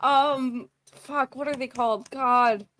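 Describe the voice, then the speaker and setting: A woman's voice: high voice, steady tone, takes it slowly, crowd noise. A woman chatting casually in a group of friends.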